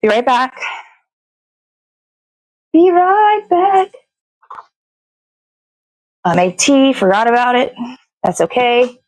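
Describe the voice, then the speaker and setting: Slow and expressive, with long pauses, a woman's fairly high voice rambles on as she cooks, full of swearing and self-talk. She is the host of a daily puppet show. The recording is low-quality and echo-free.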